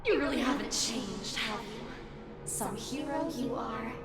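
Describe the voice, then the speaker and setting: A woman voicing a sneering monster, lively and echoing. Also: fairly high pitch, unhurried, natural voice. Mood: taunting. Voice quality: cold, sneering and cruel. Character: mocking monster taunting a detective, cruel and gloating. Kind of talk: voiced game dialogue. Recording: echoey with a long hall reverb over music.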